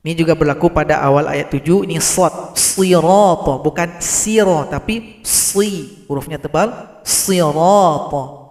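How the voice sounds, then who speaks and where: Man teaching tajweed, high voice, slow measured delivery, echoing room. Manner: explains slowly, then recites verses in drawn-out chant. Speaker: Quran recitation teacher. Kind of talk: tajweed lesson with recited examples.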